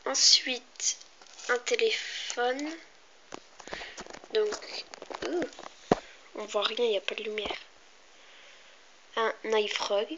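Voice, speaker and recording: A woman's voice: on the high side, steady tone, extremely slow, long pauses. Young woman, voice cracking, slightly sick, hesitant rambling show-and-tell, lo-fi muffled sound, noisy background. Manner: hesitant, rambling, self-interrupting. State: slightly sick, clearing throat and coughing. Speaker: amateur video maker presenting handmade doll furniture. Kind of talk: casual show-and-tell chat. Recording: dull lo-fi home recording, clear noise.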